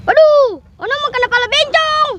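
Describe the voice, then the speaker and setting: Bossy, bickering youngster played by a woman, extremely high voice, Jakarta Betawi accent, noisy recording. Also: fairly even intonation, normal speed. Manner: bickering, taunting. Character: bossy, teasing youngster playing with a slingshot. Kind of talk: comedy skit acting.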